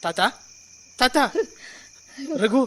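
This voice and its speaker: An actor playing a caring young man in a radio drama, urgently calling for help and soothing an old woman. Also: drawn-out words. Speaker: helpful young neighbour in a radio play.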